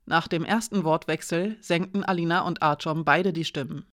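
An audiobook narrator reading a fantasy novel in steady scripted narration. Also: mid-range voice, normal speed, no echo, studio quality. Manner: steady storytelling.

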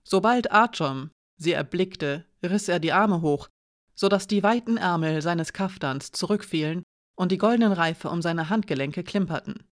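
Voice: medium pitch, normal speed, no room sound. Dry, close audiobook narrator. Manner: steady storytelling. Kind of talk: scripted narration.

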